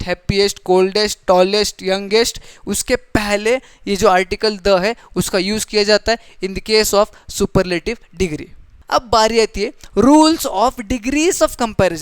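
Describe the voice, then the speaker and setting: A woman teaches a grammar lesson with a smooth, clear voice. She goes patiently, repeats key points and keeps checking that her listeners follow. The sound is dry and close. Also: on the high side, no echo. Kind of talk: grammar lesson mixing Hindi and English.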